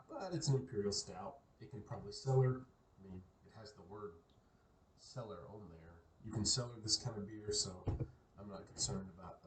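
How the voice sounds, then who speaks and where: Relaxed man musing off-mic. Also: lowish voice, far from the mic, slight background noise, poor audio. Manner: relaxed, musing, repeats himself. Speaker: beer reviewer. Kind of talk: casual solo review.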